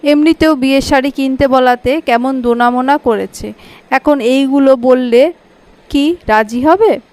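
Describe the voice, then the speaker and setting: A woman's voice: high-pitched, unhurried, a little mellow. A woman voicing a practical elder of the family discussing wedding shopping.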